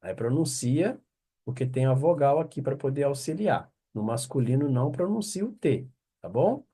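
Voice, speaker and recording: A man teaching French online. He explains patiently, checks in often with quick questions, and repeats the French words slowly. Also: medium pitch, animated, mellow, slightly rough. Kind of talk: online language lesson.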